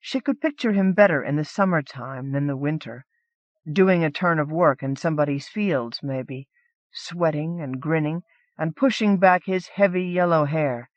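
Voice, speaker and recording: A woman with a low-pitched voice reads literary fantasy fiction aloud as scripted audiobook narration, at normal speed and with no echo. The recording is a dull, lo-fi transfer from an audiobook cassette.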